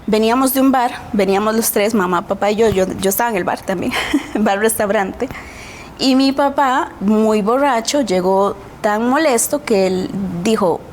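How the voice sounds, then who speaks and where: A woman's voice: on the high side, normal speed. A woman with a Costa Rican accent speaks as a guest in a TV interview, with a voice set a little above the usual range for women. She tells her own story in a reflective, earnest way and often checks in with a questioning tag. A faint hiss sits under her voice.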